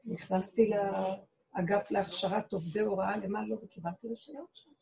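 Gravelly, mellow-voiced woman telling her story. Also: mid-range voice, fairly even intonation, dull audio. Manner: dramatic storyteller who acts out her own cries and quotes. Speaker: rebbetzin giving a talk. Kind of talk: personal testimony told to an audience.

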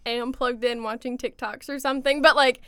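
Young female student co-host, slightly high and bright, laughs easily, self-deprecating, dry close mic. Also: fairly even intonation, brisk, clear, resonant tone, no echo. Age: young adult. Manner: giggly, self-deprecating, lots of "like" fillers. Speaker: podcast co-host, college student. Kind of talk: casual chat.

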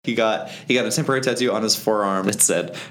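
A man's voice: on the low side, fast talker, background noise. A man hosting a podcast in a casual, joking chat, laughing often. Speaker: podcast host.

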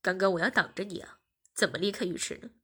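A woman's voice: medium pitch, quick pace, sharp tone, breathy edge, voice pushed down. A woman voicing a young husband who teases and coaxes his wife. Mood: coaxing. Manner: coaxing, teasing. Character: teasing young husband, smug and coaxing.

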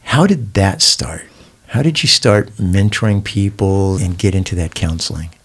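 A man's voice: low voice, normal speed, a bit bright, breathy edge. A man hosting a church podcast, asking questions and affirming his guest in an encouraging way. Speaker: host.

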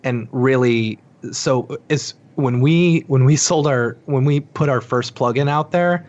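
A young man talking casually as a podcast guest, wandering through his thoughts with lots of fillers and false starts. His voice sits at an ordinary middle pitch. The recording sounds a bit dull and lo-fi. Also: a little slow, darkish tone. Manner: rambling, full of fillers and restarts. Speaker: guest, company co-founder.

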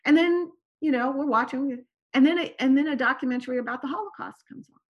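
A podcast guest whose first language is Turkish tells personal stories in a high, fast voice, with the recording's highs cut off. She's animated in conversation and keeps ending her lines with "right?"

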